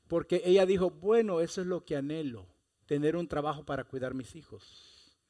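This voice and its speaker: A man preaching a sermon, speaking with passion and rising to loud exhortations. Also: a little high, normal speed. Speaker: pastor.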